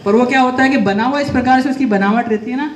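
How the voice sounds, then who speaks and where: Male teacher with a Malwa Rajasthani accent, high voice, echoey classroom, drills and corrects pupils. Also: quick pace. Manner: quizzes students, repeats words to correct them. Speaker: career guidance teacher. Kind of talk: classroom lecture. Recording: echoey room with faint noise.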